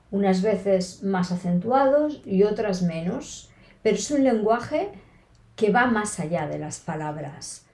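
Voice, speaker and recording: A woman podcast host from Spain teaching Spanish expressions, speaking slowly and clearly with playful, varied intonation. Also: mid-range voice, warm tone, roomy sound. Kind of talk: podcast lesson.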